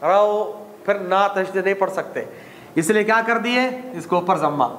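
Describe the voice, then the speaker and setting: A man with an Indian accent teaching a Quran commentary class, slowly explaining Arabic words and repeating them. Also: sits high, fairly bright tone, big-room sound, slight background noise. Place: mosque hall.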